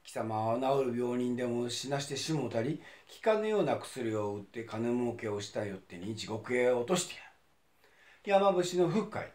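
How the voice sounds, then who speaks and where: Man playing a booming hell king, Kansai accent, lively, bossy, echoey room. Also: normal speed, natural voice. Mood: stern. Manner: booming, scolding, impatient. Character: pompous gruff male king of hell.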